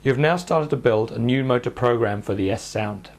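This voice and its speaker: A man calmly guiding listeners through speech therapy exercises in a measured instructional narration. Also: medium pitch. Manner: calm, measured, step-by-step coaching.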